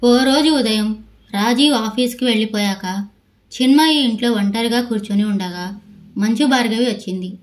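A woman narrator reading a novel aloud in a steady storytelling manner. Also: a little high, moderate pace, low-quality recording. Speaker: audiobook narrator.

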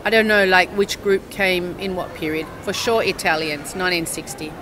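A woman's voice: lowish voice, normal speed, background noise. A woman in her sixties with an Australian accent, a university English teacher telling a long, rambling story in a casual interview at an outdoor cafe on a town square, stopping to correct herself and check in with the listener.

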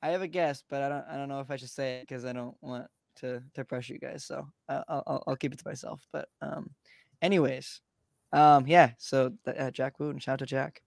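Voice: medium pitch, steady tone, fairly quick, gravelly, no room sound, clean studio sound. A podcast host running a casual interview, upbeat and full of fillers and affirmations.

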